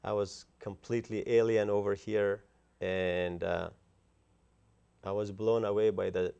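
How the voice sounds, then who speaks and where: A man in his sixties from Afghanistan, a guest author talking earnestly and effusively in an interview, often pausing with fillers. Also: fairly low pitch, level tone, vocal fry, mellow, clean tone. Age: 60s. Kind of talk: interview conversation.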